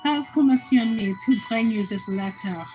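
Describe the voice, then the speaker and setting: A woman reading the lines of an elderly French gentleman with a slight French accent, formal and courteous. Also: on the high side, moderate pace, music in the background, lightly acted.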